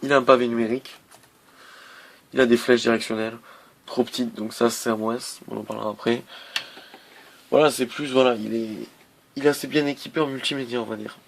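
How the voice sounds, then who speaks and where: Male tech reviewer, gravelly, casual and hesitant delivery with frequent restarts. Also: mid-range voice, fairly even intonation, a little fast, pauses often, slight background noise. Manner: hesitant, many fillers and restarts.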